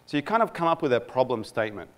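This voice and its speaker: A man's voice: medium pitch, very animated, very fast. Guy from egypt presenting at a conference, chatty, lots of ums, jokes at his own expense. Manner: casual, self-deprecating presenter with frequent fillers. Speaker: product manager. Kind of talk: conference talk. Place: conference room before a live audience.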